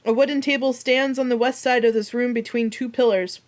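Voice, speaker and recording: A woman's voice: fairly high pitch, steady tone, brisk. A woman acting as game master, narrating a tabletop role-playing session in conversational speech.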